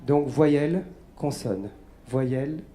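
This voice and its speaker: A male mentalist doing a live mind-reading act on a festival radio show. He speaks in a mellow, patient voice, coaxing a volunteer and spelling out letters. A faint hum of ambience runs behind him. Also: medium pitch, slow pace. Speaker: stage mentalist guest.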